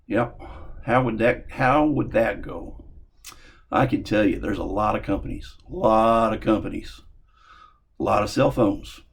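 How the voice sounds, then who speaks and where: A man from the American South with a Southern accent, giving a casual opinion monologue to viewers in a halting, repetitive, folksy way. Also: lowish voice, creaky, a little mellow, slightly rough. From Southern United States. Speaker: amateur video commentator.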